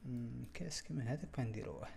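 Young Algerian male tutorial host, gravelly voice, halting think-aloud delivery, faint hiss. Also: mid-range voice, expressive, warm tone. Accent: Algerian Arabic. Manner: thinking aloud, halting, mutters to himself while working. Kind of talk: screen-recorded software walkthrough.

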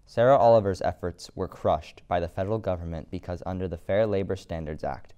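A man reading a scripted documentary narration in a measured, serious way. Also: low voice, mellow, clear, resonant tone.

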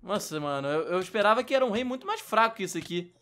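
High, fast frantic Brazilian gamer guy. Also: lively intonation. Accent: Brazilian Portuguese. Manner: frantic, shouting during fights. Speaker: gaming YouTuber host. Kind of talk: excited Minecraft let's-play chatter.

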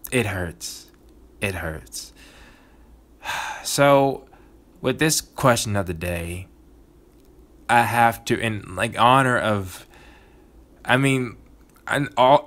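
On his gaming channel, a man with a lowish, slightly bright voice comments casually on his playthrough. His manner is sincere and thoughtful, and he seems to be working through ideas aloud.

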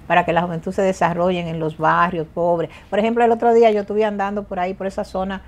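Older woman talking with lively emphasis. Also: medium pitch, fast talker. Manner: lively, emphatic, frequent hesitations and repeats. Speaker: guest. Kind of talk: casual interview talk. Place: TV studio set.

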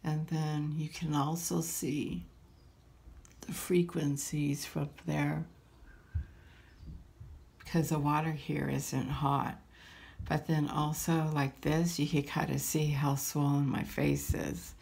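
A middle-aged woman talking casually and haltingly into a phone, as in a personal video diary, lying in a bathtub. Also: low-pitched, little pitch movement, gravelly, darkish tone. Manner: halting, hesitant, trailing pauses. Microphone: phone held at arm's length.

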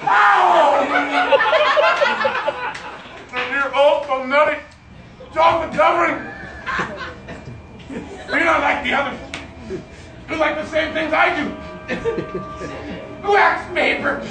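A manic shrill chihuahua captain, very high, stage recording with crowd. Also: male voice, takes it slowly, pauses often, over music, heavily acted. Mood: crazed. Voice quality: shrill, unhinged ranting. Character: Ren, a manic scrawny male chihuahua space captain. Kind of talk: live stage comedy acting. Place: small theater stage. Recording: echoey room from a far phone camera, audience laughter.

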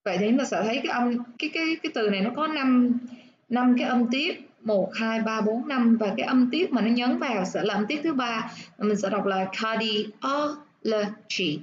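A woman teaching nursing English, explaining step by step and repeating words slowly to show where the stress falls. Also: fairly high pitch, lo-fi sound, slight background noise.

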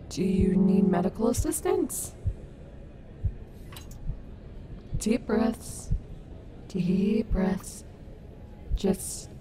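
Caring, sassy female robot wolf woman acting, ASMR roleplay. Slow, soothing, wry delivery at medium pitch, over noisy ambience. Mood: soothing, concerned. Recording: noticeable background noise.

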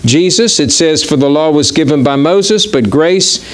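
A man preaching a sermon as pastor, reading scripture quickly and slowing down to stress key words. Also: on the high side, lively intonation. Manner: reads verses quickly, then slows to stress key words. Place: church.

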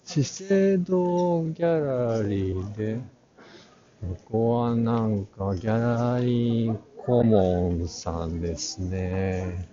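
Extremely slow and mellow, his lowish voice mutters brief, half-private remarks through a face mask as he walks through a packed art fair hall. The handheld camera at arm's length picks up dull audio and the murmur of the crowd.

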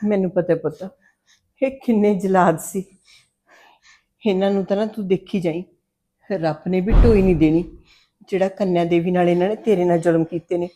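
A woman's voice: on the low side, steady tone, moderate pace, long pauses, dark tone, lightly acted. Protective Punjabi mother, played by a woman, middle-aged, firm and comforting. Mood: reassuring. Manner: protective, reassuring. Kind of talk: web series drama acting.

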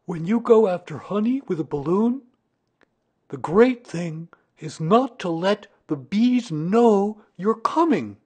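A man acts out a storybook toy bear with a raised, singsong pitch. He is earnest and a little anxious, and weighs his words ponderously as he thinks things through. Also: animated, slow, a little mellow, husky, heavily acted. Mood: earnest, thoughtful. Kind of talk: children's storybook character reading.

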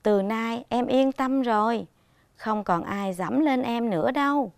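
A woman's voice: a little high, vocal fry, dry recording. A woman reading a tender big-sister swallow. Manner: gentle, tender, slow storybook reading. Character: kind, caring big-sister brown swallow.

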